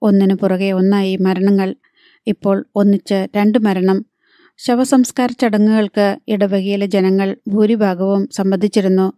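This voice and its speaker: Woman reading a novel aloud, mellow darkish voice, dry close mic, steady pace. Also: mid-range voice, unhurried, no room sound. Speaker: audiobook narrator. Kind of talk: scripted novel narration.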